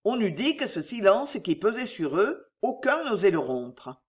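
An audiobook narrator giving an expressive, theatrical reading of a historical novel. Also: medium pitch, unhurried.

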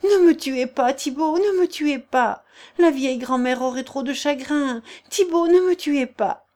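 A woman reading aloud and voicing a gentle, frightened young peasant woman in a high, pleading voice. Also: unhurried. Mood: terrified pleading. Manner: pleading, breathless, high-pitched.

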